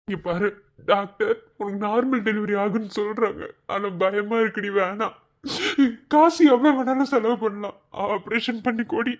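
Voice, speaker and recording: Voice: medium pitch, normal speed, lightly acted. A voice actor playing a frightened young husband who anxiously begs his wife to avoid pain. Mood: pleading. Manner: pleading, anxious, tearful. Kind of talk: cartoon voice acting.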